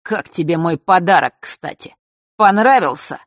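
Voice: medium pitch, expressive, measured pace, fairly bright tone, no room sound, clean studio sound. Reader voicing a spiteful sneering teenage boy. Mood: taunting. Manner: taunting, hissing threats.

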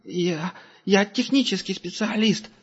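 A cowardly, weedy angel technician whimpers in a thin, high voice, as a man puts him on. He stammers and begs, his words shaky and breathy, and the recording sounds dull and lo-fi. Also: a little slow. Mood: stammering. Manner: trembling, pleading, stammering.

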